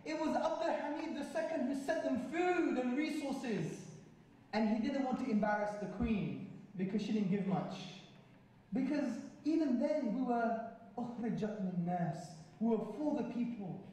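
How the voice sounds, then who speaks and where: A man speaks to an audience with emphatic, repetitive oratory, driving each point home. His voice sits high, and it comes from well back from the mic. It rings around a very reverberant hall, with a faint hiss of noise underneath. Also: lively intonation, normal speed, warm tone, distant mic. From Britain. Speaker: Islamic speaker addressing an audience. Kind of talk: impassioned public lecture.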